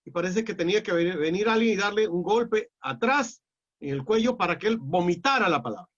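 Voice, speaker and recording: A middle-aged man with a Peruvian accent lecturing a class in a measured, explanatory way, often pausing on "eh". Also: high voice, animated, a bit bright. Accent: Peruvian Spanish. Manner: measured and explanatory, with frequent "eh" fillers and restarts. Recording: dull lo-fi audio.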